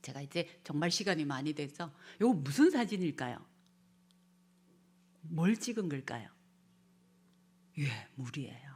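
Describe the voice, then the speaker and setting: A low, husky-voiced woman lectures on parenting at a church seminar. She slips into playful acted lines for parents and children and now and then drops to a whisper. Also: expressive, a little slow, long pauses, a little mellow.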